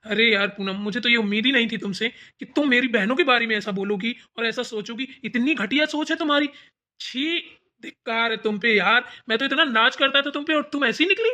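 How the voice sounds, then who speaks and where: Someone doing a protective, scolding elder brother. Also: male voice, extremely high pitch, brisk, bright, forceful tone, exaggerated voice. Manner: scolding, affectionate to sister. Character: doting elder brother, protective, quick-tempered husband. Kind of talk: cartoon voice acting.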